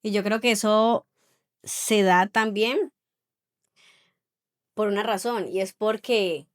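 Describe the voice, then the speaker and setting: A woman's voice: medium pitch, slow. Reflective woman on a faith podcast. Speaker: podcast co-host. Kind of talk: casual faith podcast chat.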